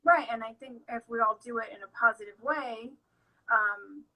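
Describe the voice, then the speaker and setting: Enthusiastic bright-voiced woman host. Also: a little high, moderate pace, poor audio. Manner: enthusiastic, with many fillers. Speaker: shop owner and host. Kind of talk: casual interview chat.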